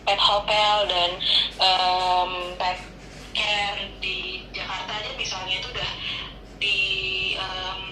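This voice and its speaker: A woman's voice: mid-range voice, level tone, takes it slowly, reverberant, distant mic, over music, poor audio. A woman interviewer speaking over a speakerphone call, polite and questioning. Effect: heard over a speakerphone call. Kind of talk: phone interview.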